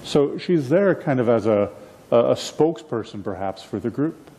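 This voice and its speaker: A middle-aged man preaching a sermon from a church platform, expressive and gesturing, often restarting his phrases. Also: medium pitch, normal speed. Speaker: pastor. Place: church platform indoors, livestreamed.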